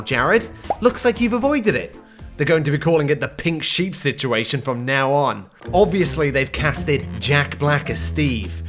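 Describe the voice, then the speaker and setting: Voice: mid-range voice, fairly bright tone. A video essayist delivering a scripted, unhinged rant in an exasperated, sarcastic way. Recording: music playing behind. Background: background music.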